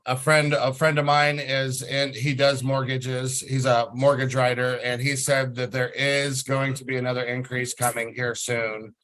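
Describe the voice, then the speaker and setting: Relaxed man rambling on a video call. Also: mid-range voice. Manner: relaxed and rambling, acts out his own past talk. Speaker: group member asking questions. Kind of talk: casual chat on a video call.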